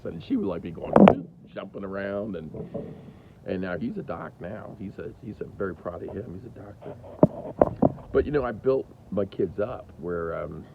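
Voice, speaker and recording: A man in his fifties telling a candid personal story about his kids, animated, with big jumps in pitch. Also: vocal fry. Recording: dull lo-fi recording with faint hiss.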